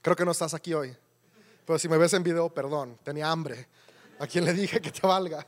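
A man with a Mexican accent, a pastor preaching a sermon through a lively personal story, talking conversationally and asking the listeners questions. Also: a little high, a little fast.

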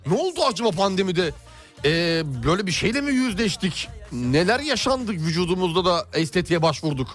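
Man, rapid delivery, high voice, chatty, repetitive emphasis, radio co-presenter, light music bed. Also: very animated. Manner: chatty, teasing, repeats words for emphasis. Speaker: radio co-presenter giving weather and traffic. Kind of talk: casual radio banter.

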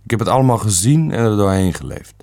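A man's voice: lowish voice, big pitch swings, quick pace, darkish tone, no room sound, studio quality. Blunt elderly great-uncle, read by a man. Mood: stern. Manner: stern, matter-of-fact.

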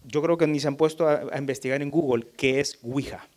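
A middle-aged church speaker gives an emphatic, sermon-style talk on parenting, addressing the audience directly at a fairly quick pace. He is animated, jumping up into high voices whenever he imitates children.

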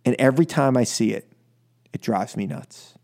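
This American man hosts talk radio, and his mid-range, creaky, darkish voice moves at a moderate pace. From the radio studio he delivers an impassioned political monologue, exasperated and emphatic, hammering points by repeating phrases.

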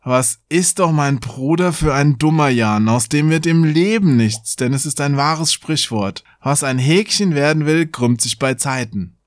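A man's voice: a little high, lively intonation, measured pace, few pauses, dry recording, clean studio sound. A man voicing a scornful elder brother in a fairy tale. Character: mocking, know-it-all elder brother.

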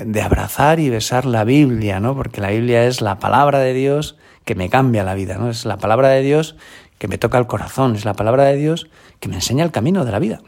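Speaking with a slightly mellow, medium-pitched voice, a chaplain at a school gives a homily in a conversational style, frequently closing phrases with a question tag. He comes from Spain and has a Peninsular Spanish accent.

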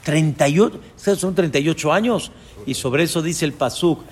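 With a fairly high, slightly rough voice, a rabbi moves at a fairly quick pace through a scripture lesson. He speaks earnestly, sprinkling Hebrew terms into his teaching, and his words echo with a long, ringing reverb.

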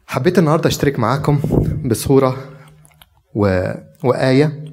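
Egyptian guy preaching, gravelly voice, keeps asking the crowd stuff. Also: medium pitch, lively intonation, brisk, a little mellow, slight background noise. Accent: Egyptian Arabic. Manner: conversational, asks the audience questions. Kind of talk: sermon.

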